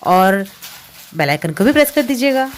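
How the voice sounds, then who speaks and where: A woman's voice: medium pitch, big pitch swings, normal speed, a little hiss or hum. A woman giving a vlog voice-over, speaking directly and in a friendly way to viewers. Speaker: vlogger.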